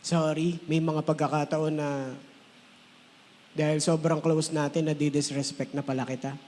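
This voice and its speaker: A man's voice: a little high, little pitch movement, normal speed, a little mellow, long reverb tail, slight background noise. A man pastor preaching a conversational sermon, mixing English phrases in and acting out quoted voices.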